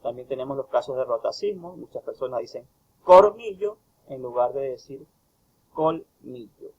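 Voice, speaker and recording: A male university tutor giving a recorded grammar lecture, stressing each example phrase slowly. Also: mid-range voice, darkish tone, slightly rough, highs cut off. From Ecuador. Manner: slow, emphatic reading of example phrases.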